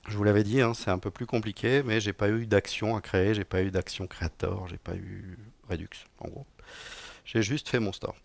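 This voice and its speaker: A man with a low, gravelly voice presents a coding talk to a live audience, loose and joking with frequent fillers. His voice is recorded close and dry, with almost no room echo. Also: steady tone, normal speed. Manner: casual and joking, many fillers. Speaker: conference speaker, technical director.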